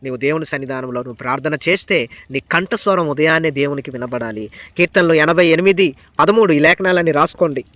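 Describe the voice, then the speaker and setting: A male pastor with a Telugu accent preaching in a high, bright, sharp voice. He swings from loud cries down to hushed asides. The recording is dry and close, with no room sound. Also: fast, no room sound. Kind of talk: sermon.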